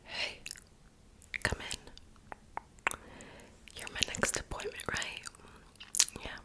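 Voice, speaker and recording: A woman doing an ASMR whispered role-play as a piercer, speaking in an unvoiced, breathy whisper with a soft, casual, reassuring manner. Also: very slow. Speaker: ASMR creator playing a piercer.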